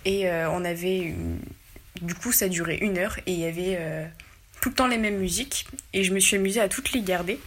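A woman's voice: on the low side, fairly quick. A young woman whose call is played on a radio show, telling a personal anecdote hesitantly with many fillers. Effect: listener's call played on air. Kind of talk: personal anecdote about a song.

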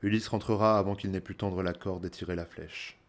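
A man voicing a disguised older king who speaks slowly and solemnly in formal phrases. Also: low-pitched, steady tone. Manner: slow, solemn, formal speech.

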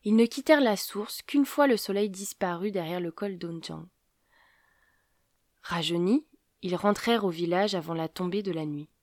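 A woman narrating a folktale in a measured, calm manner. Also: on the low side, no echo, studio quality. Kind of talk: storybook narration.

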